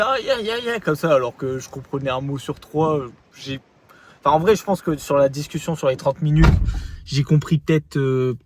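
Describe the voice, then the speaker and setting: A young man from France chatting in a casual diary vlog, talking loosely with many fillers and slang. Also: medium pitch. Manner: rambling, lots of fillers and slang. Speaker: vlogger. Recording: phone vlog with street noise.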